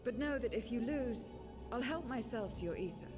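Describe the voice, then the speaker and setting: Fantasy game role: woman playing imperious, self-serving mercenary, curt, swinging pitch, loud music behind. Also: expressive, normal speed, close to an everyday voice. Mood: haughty. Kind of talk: fantasy video game acting.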